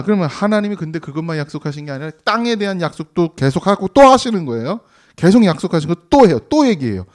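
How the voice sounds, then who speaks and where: A man's voice: a little high, a little mellow. A male pastor preaching a Sunday sermon in a conversational way, asking the congregation rhetorical questions and acting out quoted voices. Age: 40s or older. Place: church sanctuary.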